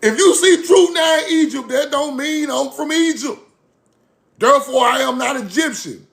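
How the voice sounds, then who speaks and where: Man, young, high gravelly voice, preachy catchphrase-heavy delivery to his chat. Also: normal speed, fairly bright tone. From Mississippi, USA. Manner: repetitive catchphrases, preachy and emphatic. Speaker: online video host. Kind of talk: casual talk to a live-chat audience.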